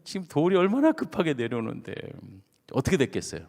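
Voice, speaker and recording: A pastor from Chungcheong with a Chungcheong accent, telling a revival sermon in an animated storytelling way, dropping to hushed asides. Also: male voice, a little high, fast talker, vocal fry, long reverb tail. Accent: Chungcheong Korean. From Chungcheong, Korea. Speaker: senior pastor. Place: church sanctuary.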